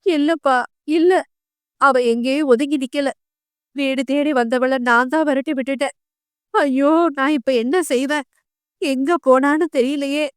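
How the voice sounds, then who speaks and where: A frantic, weeping middle-aged mother from an audio novel, as a woman narrator puts her on. She wails in a high voice. The recording is dry and close. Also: normal speed, no echo, lightly acted. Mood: distraught. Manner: wailing, panicked.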